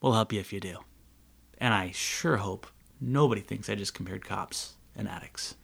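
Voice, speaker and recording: Male candidate, low and gravelly, wry and chatty in a podcast interview. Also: moderate pace, fairly bright tone. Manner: chatty, sarcastic, laughs at own jokes. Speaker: city council candidate.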